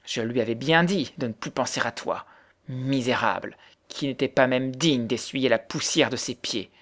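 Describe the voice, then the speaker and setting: A man's voice: medium pitch, moderate pace. Brief: a man playing a fierce grieving widow, harsh and accusing, in a storybook reading. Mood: scornful. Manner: harsh, accusing, later softening into sobs.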